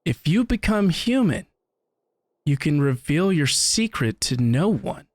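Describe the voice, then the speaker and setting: A man's voice: on the high side, very animated, unhurried, dry recording. Male streamer reading aloud, close and dry. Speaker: game streamer. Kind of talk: reading game text aloud dramatically.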